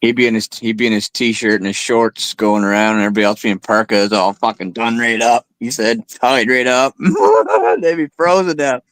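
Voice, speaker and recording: A man in his late thirties chats casually, laughing often and swearing freely. His mid-range, slightly bright voice stays steady at a normal speed with hardly any pauses, on a low-quality recording with no room sound.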